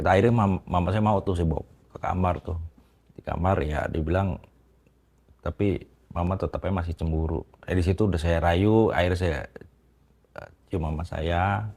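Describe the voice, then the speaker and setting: A man hesitantly telling a personal story as an interview guest, speaking in a halting casual way with many restarts and fillers. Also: deep voice, fairly even intonation, gravelly, a little mellow, slightly rough.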